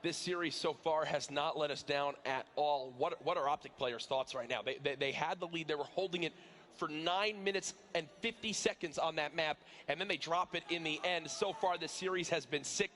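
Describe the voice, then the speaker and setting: A man doing play-by-play esports commentary, excitable and building to shouts at big moments. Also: a little high, a little fast, slight background noise. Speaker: esports caster.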